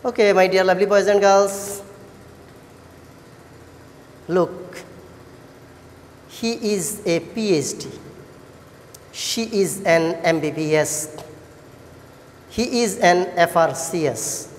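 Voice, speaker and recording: A woman with a Bangladeshi accent teaching an English lesson to children, encouraging and praising like a kids show host, with deliberate sing-song questions. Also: on the low side, slight background noise. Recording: echoey hall-like reverb.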